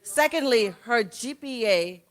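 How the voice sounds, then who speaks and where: A woman's voice: fairly high pitch, lively intonation, a little slow. A middle-aged woman, a graduate's mother, introducing speakers at a graduation ceremony with playful, joking asides.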